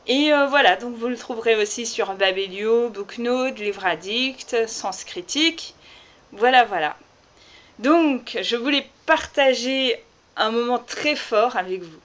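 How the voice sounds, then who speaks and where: A woman's voice: on the high side, a little slow, a bit bright, lo-fi sound. A woman author chatting casually on her video channel as she unboxes her book, filling her talk with "voilà" and hesitations. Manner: chatty, many fillers like "voilà" and "euh". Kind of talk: casual vlog chat.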